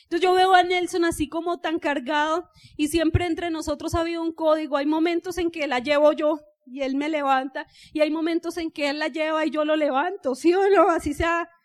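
A woman with a Colombian accent giving a motivational business seminar talk, telling an animated personal story and asking the audience to agree with her. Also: sits high, brisk.

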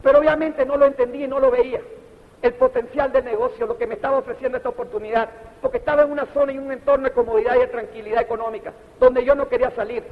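A man's voice: very high-pitched, steady tone, rapid-fire. A middle-aged man, giving a motivational speech and putting rhetorical questions straight to the audience. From Panama. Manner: preachy, addresses the audience directly with rhetorical questions. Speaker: motivational speaker. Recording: dull, echoey hall recording.

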